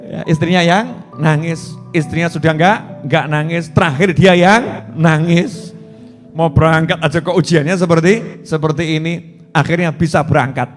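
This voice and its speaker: A man giving a sermon to a live gathering, telling stories in a lively way and acting out the people in them. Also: fairly high pitch, moderate pace. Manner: lively storytelling, acting out voices. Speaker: preacher. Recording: long hall reverb with faint music.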